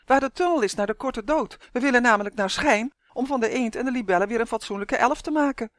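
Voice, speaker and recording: An earnest young boy, as a storybook reader voices him, pleads and frets in a slightly raised voice. He talks quickly when upset. The sound is dry and close. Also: medium pitch, expressive, no room sound, natural voice. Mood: pleading. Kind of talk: storybook reading.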